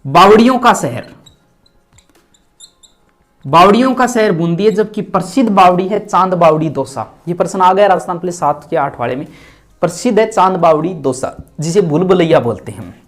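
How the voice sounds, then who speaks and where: A man's voice: high voice, lively intonation, a little fast. Male exam coach, emphatic lecturing, faint music behind. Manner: explains with memory tricks, stresses key words. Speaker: teacher.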